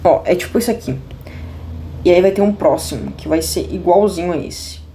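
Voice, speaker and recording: A woman's voice: lowish voice, moderate pace, dark tone, slight background noise. Joking Brazilian woman teaching math. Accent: Brazilian Portuguese. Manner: slangy, joking, talks straight to viewers; restless, many restarts and asides. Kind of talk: casual video math lesson. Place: at a desk indoors.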